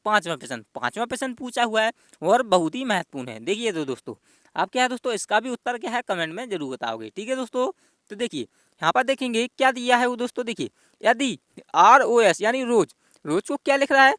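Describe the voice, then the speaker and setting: A man's voice: extremely high pitch, a bit bright, no echo. Male exam tutor, bouncy rhetorical questioning style, dry close sound. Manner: addresses viewers as friends constantly, repeats questions to himself. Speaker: exam-prep reasoning teacher. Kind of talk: step-by-step exam lesson.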